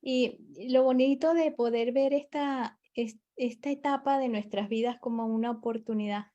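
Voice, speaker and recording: A woman's voice: a little high, fairly even intonation, normal speed, dark tone, highs cut off. A woman guest reflecting on her own experience, searching for words and often restarting mid-thought. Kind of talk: reflective conversational talk.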